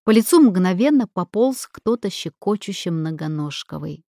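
Low-voiced woman reading an audiobook. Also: animated, moderate pace, warm tone, no echo, clean studio sound. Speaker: audiobook narrator. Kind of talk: audiobook narration.

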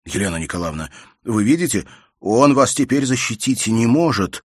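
A man's voice: mid-range voice, animated, moderate pace, no room sound, clean studio sound, pitched above the performer's own voice, close to an everyday voice. A man reading an audiobook, voicing an earnest young man who reassures and insists anxiously. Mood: anxious reassuring. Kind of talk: audiobook character voice.

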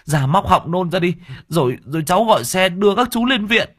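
A man voicing a panicked young village man who shouts urgent warnings. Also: high voice, big pitch swings, normal speed, slightly rough, no room sound, studio quality, pitched above the performer's own voice, heavily acted. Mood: alarmed.

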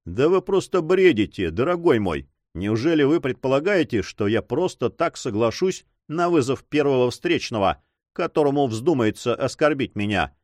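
Male narrator doing a proud buccaneer captain, short-tempered, dry close sound, lively delivery. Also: mid-range voice, no room sound, lightly acted. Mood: scornful. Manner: proud, quick to anger.

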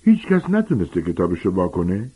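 Guy doing a huge clumsy half-giant teacher, loud and folksy, husky voice. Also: sits low, huge pitch swings, narrow, tinny audio, exaggerated voice. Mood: disheartened. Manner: loud, hearty, colloquial.

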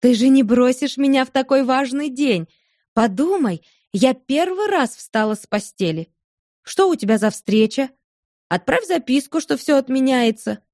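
Woman reads wounded, wilful young wife, higher voice, dry close audiobook sound. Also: lively intonation, normal speed, darkish tone, no echo. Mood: playful, pleading. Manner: pleading, reproachful, playful turning angry. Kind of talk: audiobook character voice.

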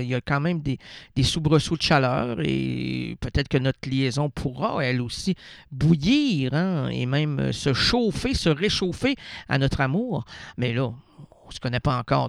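A man with a Québécois accent, hosting a community radio show with a rambling, absurd monologue, hesitant and playful with many pauses. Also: mid-range voice, creaky, smooth, no echo, studio quality. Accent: Québécois French.

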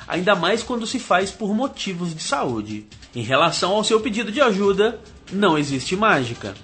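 A man's voice: high-pitched, a bit bright. A Brazilian man presenting a scripted advice segment as a radio host.

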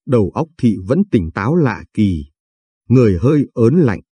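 A man narrating a spooky late-night audio story in a measured storytelling manner. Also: mid-range voice, very animated, warm tone, breathy edge, no echo.

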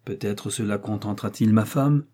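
A man's voice: on the low side, normal speed, dark tone, natural voice. A man voicing a surly impostor sea captain who answers scornfully. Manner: scornful, dismissive.

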